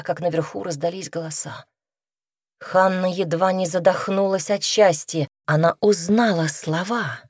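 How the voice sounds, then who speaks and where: A woman narrating an audiobook in a measured, somber way. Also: on the low side, darkish tone, breathy edge, no echo, studio quality. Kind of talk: scripted narration.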